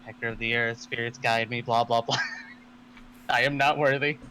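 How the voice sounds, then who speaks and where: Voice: medium pitch, steady tone, moderate pace, pushed and bright, a little hiss or hum, close to an everyday voice, rough recording. A man playing a humble, awed female druid who mutters reverently in a tabletop role-play. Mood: muttering, reverent.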